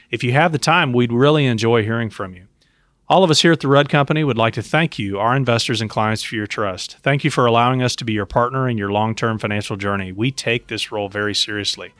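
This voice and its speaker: A man's voice: medium pitch, a bit bright, no echo, studio quality. A man hosting a podcast, explaining advice and speaking directly to his listeners and co-host. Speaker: podcast host and investment professional. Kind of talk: podcast talk giving investment advice.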